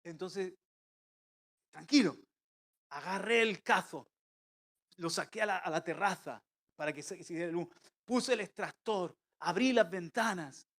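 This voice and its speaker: Man, pastor, high-pitched voice, sermon, emphatic loud calls, soft asides. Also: measured pace, long pauses. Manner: swings between loud emphatic calls and quiet intimate asides. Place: church.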